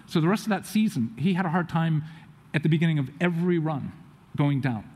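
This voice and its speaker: A man telling a family story to an audience, acting out what others said in lively quoted voices. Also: fairly high pitch, a little fast. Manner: animated, acts out quotes of others. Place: auditorium. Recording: long hall reverb.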